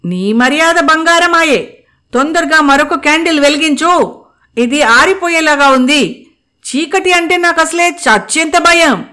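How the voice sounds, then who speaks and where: A woman voicing a bold, brusque young woman friend who talks loudly and bluntly with quick retorts. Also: high voice, big pitch swings, voice pushed up, exaggerated voice.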